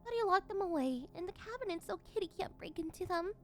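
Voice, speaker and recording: A woman's voice: extremely high pitch, animated, fast. A woman playing a possessive, unhinged yandere villainess in an ASMR role-play, cooing and teasing condescendingly as she domineers over her captive. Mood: gleeful cooing.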